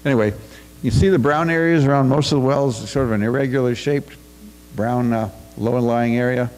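Faint music sits behind this older American man as he reads a prepared talk from paper at a farm forum in a school auditorium. His voice is medium in pitch and a little mellow, at a normal pace, and he occasionally stumbles, restarts or makes an aside. He speaks into a podium microphone on a stand, and the room is reverberant.

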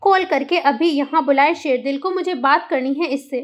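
A woman's voice: high voice, moderate pace, close to an everyday voice. A woman voicing a young mother who talks in a pleading, insistent, upset way. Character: young mother, fiery and demanding.

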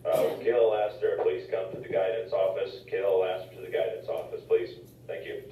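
A man's voice comes through a school intercom, deep and flat, with a dark tone. He announces in a formal, polite way, heard from a distance in a very echoey classroom with faint ambient noise. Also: fairly quick. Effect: school intercom announcement over a loudspeaker. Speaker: school staff making an announcement. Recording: distant, roomy loudspeaker sound in a classroom.

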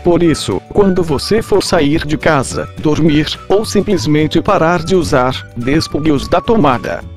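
Mad scientist with a robot voice, a man playing him, somewhat high-pitched, deadpan lecturer, light music underneath. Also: a little slow, hardly any pauses. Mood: lecturing. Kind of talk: comedic scripted explainer.

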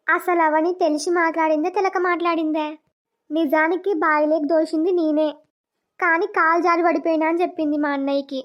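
A sly young sister-in-law in a village cartoon who mutters her plots aloud, as a woman voices her. Her voice sits very high, and the audio sounds dull and lo-fi. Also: fairly even intonation, fairly quick. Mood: plotting. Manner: muttering to herself, plotting.

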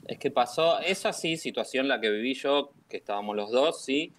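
A man with a Rioplatense Spanish accent chats casually with a streamer over voice chat, rambling about a game and repeatedly asking "¿me entendés?". His mid-range voice is expressive, at a moderate pace.

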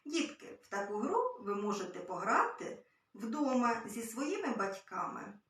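A woman teaching a literacy lesson to small children, gently and patiently. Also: a little high, big pitch swings, measured pace. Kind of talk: early-years literacy lesson. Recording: very echoey room, far from mic.

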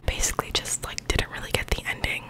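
A young woman tells everyday stories in an intimate, breath-only whisper. She rambles informally, right up close to the microphone, in a casual ASMR style. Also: fast. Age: young adult. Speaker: ASMR creator. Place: small bedroom, indoors. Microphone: large microphone with foam cover, very close.

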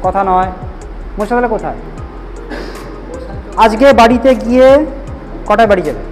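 A man's voice: high voice, animated, unhurried, darkish tone, soft background music, low-quality recording. A male spoken English teacher, lecturing students firmly and often asking if they understood. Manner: firm, repeatedly checks understanding. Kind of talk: classroom lecture, scolding and advising students.

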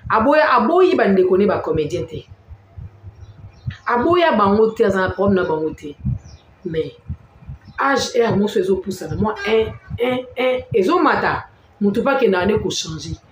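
A woman from Congo, giving an animated gossip commentary, stressing and repeating her points with sudden rises in her voice. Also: mid-range voice, moderate pace, roomy sound, slight background noise, poor audio. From Congo-Kinshasa. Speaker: online celebrity-gossip commentator. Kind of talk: animated commentary vlog, mixing languages.

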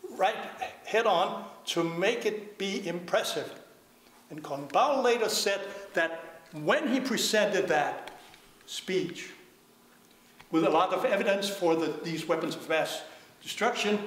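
A middle-aged man lecturing live in a rambling professorial way, with hesitations and asides. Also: sits high. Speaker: university lecturer. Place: large lecture theatre. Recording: very echoey lecture hall, distant.

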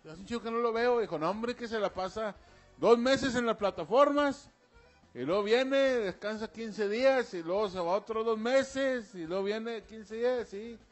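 A man co-hosting a radio comedy show, loud and slangy, laughing easily as he tells jokes. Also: high-pitched, measured pace, faint music behind. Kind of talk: joking banter and joke telling.

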